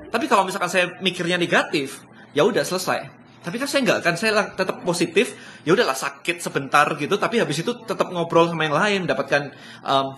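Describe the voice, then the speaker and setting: In a motivational business live stream, this excitable man speaks with a somewhat high, bright, forceful voice. His casual speech is peppered with English phrases and frequent laughter, over a faint hiss or hum.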